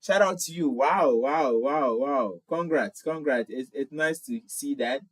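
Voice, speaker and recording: Speaking at an unhurried pace in a medium-pitched voice, a man from Ghana in his twenties runs a casual livestream. He reads viewers' comments out loud and answers them amiably, tending to repeat himself, and the audio has no echo.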